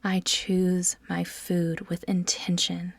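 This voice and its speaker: With a soft, breathy near-whisper on the low side, a woman narrates a guided meditation in a monotone. She keeps it soothing and measured, placing deliberate pauses between phrases, and there is no room sound.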